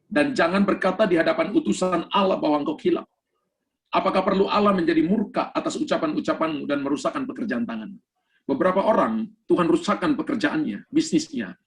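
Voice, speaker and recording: Emphatic male pastor preaching on a call. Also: fairly high pitch. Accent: Indonesian. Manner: emphatic preaching, mixing in English phrases. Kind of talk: sermon. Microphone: video call.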